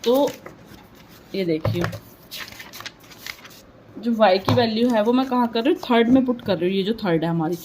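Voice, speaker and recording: A woman with a fairly high voice teaching maths, talking herself through each calculation. She keeps asking little questions and answering them right away, dropping English words into her explanation. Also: moderate pace, long pauses, noisy background. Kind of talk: step-by-step maths lesson.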